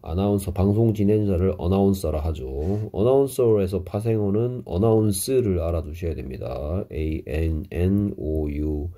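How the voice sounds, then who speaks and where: Male English teacher, middle-aged, deep, dark, husky tone, slow patient explanations. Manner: slow, explanatory, with Korean glosses of English words. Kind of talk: vocabulary lesson.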